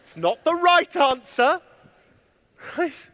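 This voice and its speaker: A man giving an animated conference keynote from a stage, chatting with and questioning his audience. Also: extremely high pitch, slow pace. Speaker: keynote speaker. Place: stage in a large hall. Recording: long hall reverb.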